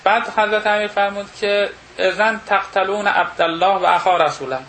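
A male lecturer reads a religious text slowly, then paraphrases each passage casually, thinking aloud with pauses and self-corrections. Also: sits high, fairly even intonation, sharp tone, a little hiss or hum, poor audio. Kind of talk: reading and explaining a religious text.

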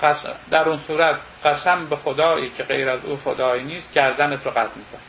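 Man slowly reading and explaining a text. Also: fairly high pitch, steady tone, a bit bright, a little hiss or hum, low-quality recording. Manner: reads a passage slowly, then paraphrases it casually; thinking aloud with pauses and self-corrections. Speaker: lecturer.

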